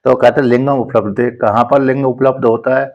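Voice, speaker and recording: A man teaching a Sanskrit scripture commentary, reading each phrase slowly and then explaining it in plain conversational speech. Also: medium pitch, steady tone, lo-fi sound.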